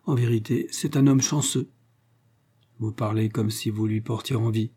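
A man reading a novel aloud, voicing a grave, earnest gentleman suitor with a slightly raised, fuller voice. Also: on the low side, steady tone, moderate pace, breathy edge. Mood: musing. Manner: grave and earnest, rising in warmth. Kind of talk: audiobook character reading.

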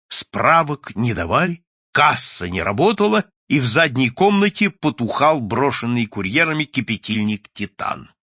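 A man narrating a literary story in a measured, ironic storytelling manner. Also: mid-range voice, vocal fry, bright, forceful tone, breathy edge, dry recording. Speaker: audiobook reader. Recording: dull lo-fi, dry recording.

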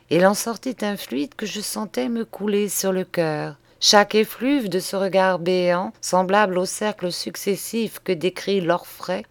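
Slow, measured woman reading a novella. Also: mid-range voice, vocal fry, dry recording. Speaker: audiobook reader. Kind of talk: literary audiobook narration.

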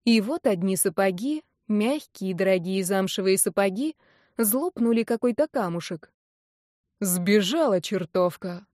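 A woman narrating a first-person fantasy audiobook in a lively, expressive way with wry asides. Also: mid-range voice, moderate pace, no echo, studio quality.

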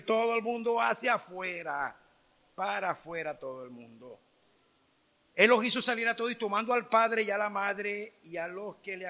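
A man preaching a sermon, acting out quotes and swinging between loud outbursts and hushed asides. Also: high voice. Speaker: pastor. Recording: long hall reverb.

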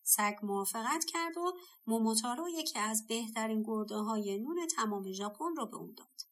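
A woman's voice: fairly high pitch, lively intonation, fairly bright tone. Woman narrating a folk tale. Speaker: audiobook narrator. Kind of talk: storybook narration.

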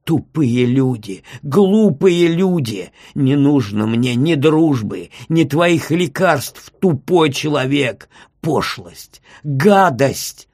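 A man voicing an agitated middle-aged doctor who shouts in a trembling, tearful voice, in a storybook reading. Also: fairly high pitch, expressive, measured pace, gravelly, husky, dry recording, studio quality, exaggerated voice. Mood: furious shouting.

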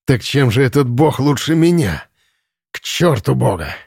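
A man reading the part of a drunk, raging male Nazi camp commandant in an audiobook, shouting and ranting in a bullying, unhinged way. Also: very animated, extremely slow, vocal fry, dry recording, studio quality, full character voice. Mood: grandiose. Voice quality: shrill, furious shouting.

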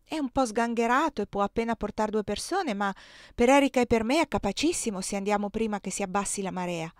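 A woman reading the part of an eager young male servant who tells his news excitedly and insistently, in a dry close recording. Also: mid-range voice, quick pace, dry recording, voice pushed up, close to an everyday voice.

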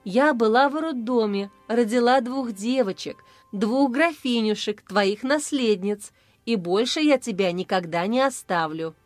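A woman's voice: on the high side, unhurried, no room sound, soft background music, close to an everyday voice. A woman reading aloud, voicing a hurt young mother who speaks to her husband coolly and firmly. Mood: gentle. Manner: cool, firm, sorrowful.

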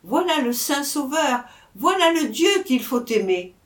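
A woman's voice: sits high, very animated, a little slow, voice pushed up. A woman doing a fervent old preaching priest. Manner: fervent, declaiming. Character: emotional old male village priest preaching.

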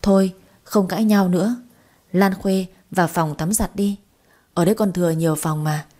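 A woman's voice: lowish voice, steady tone, moderate pace, dark tone, close to an everyday voice. A woman voicing a bossy older grandmother who scolds and commands. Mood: coaxing.

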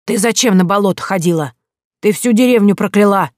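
A woman reading an audiobook, voicing a stern old village grandmother who scolds in a shrill, raised voice. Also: fairly quick, a little mellow, dry recording, studio quality, natural voice. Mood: scolding.

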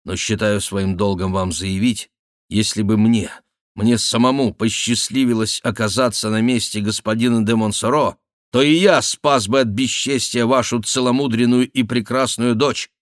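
A proud, passionate young nobleman, voiced by a male reader speaks with force and emphasis. The voice is somewhat low and recorded close and dry. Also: steady tone, normal speed, no echo, natural voice. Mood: earnest, firm.

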